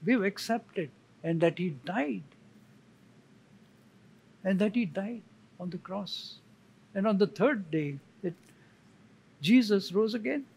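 A man, a church elder, preaching a sermon slowly and emphatically, pausing for effect and repeating key words. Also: high-pitched, expressive, creaky, a little mellow, breathy edge, low-quality recording. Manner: slow, emphatic, with dramatic pauses and repetition.

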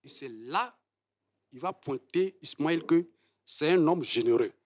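A man speaking from a studio audience, slow and earnest. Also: a little high, expressive, over a noisy crowd, heavy background noise. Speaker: audience member. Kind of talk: audience comment in a debate.

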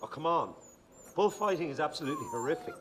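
An indignant Irish activist. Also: male voice, a little high, huge pitch swings, fast talker, noisy background. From Ireland. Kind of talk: film comedy-drama acting.

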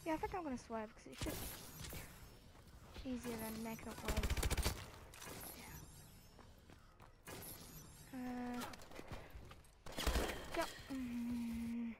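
High-voiced gamer woman over very noisy gameplay. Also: steady tone, slow pace, long pauses. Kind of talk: casual gaming commentary. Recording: loud game noise over voice. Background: video game gunfire and clicks.

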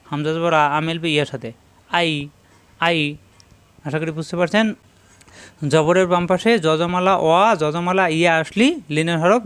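A man teaching Quran pronunciation, slowly drilling syllables and repeating each one, with a Bangladeshi Bengali accent. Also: fairly high pitch, fairly bright tone, clear, resonant tone. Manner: slow, drilling syllables with repetitions. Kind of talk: step-by-step pronunciation lesson.

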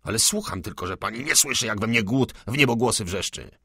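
A man's voice: on the low side, lively intonation, brisk, sharp tone, breathy edge, no room sound, studio quality, pitched above the performer's own voice, heavily acted. A man voicing a starving, hot-tempered male insurgent who barks short demands, in an audiobook. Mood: gruff impatient. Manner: curt, barking demands.

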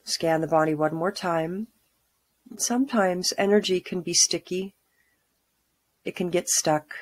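A middle-aged woman leading a calm guided grounding exercise, giving soothing, unhurried instructions with pauses. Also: lowish voice, no room sound. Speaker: meditation guide. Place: small room at home, indoors.

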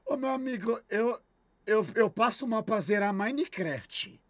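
A man's voice: high voice, measured pace, a bit bright, no room sound. Sarcastic swearing man streamer. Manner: irritated, sarcastic ranting with heavy swearing. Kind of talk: casual live-stream chat.

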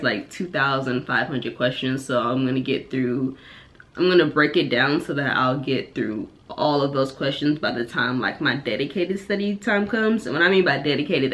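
A woman's voice: low-pitched, a bit bright. Congested med student girl in her 20s vlogging, lots of like and you know, stuffy voice. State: congested from a cold. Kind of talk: casual vlog chat.

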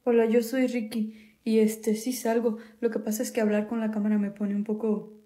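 Woman, somewhat high voice, animated and scolding; comic sketch partner. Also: normal speed. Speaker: comedy sketch creator. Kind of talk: acted comedy skits.

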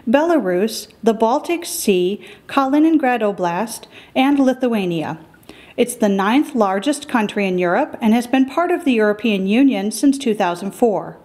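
A woman's voice: medium pitch, darkish tone. A middle-aged woman hosting a currency collecting show, giving careful scripted educational narration.

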